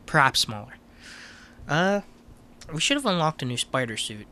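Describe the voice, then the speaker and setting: A man's voice: a little high, wildly swooping pitch, normal speed, heavy background noise. A man casually commentating his gameplay, chatty and offhand with frequent swearing. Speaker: let's play host.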